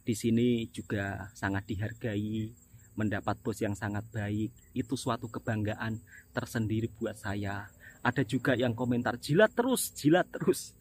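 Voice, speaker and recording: In a relaxed address to his audience, a middle-aged Indonesian vlogger and migrant laborer speaks earnestly and often calls viewers his friends. His voice is on the low side, and slight background noise can be heard.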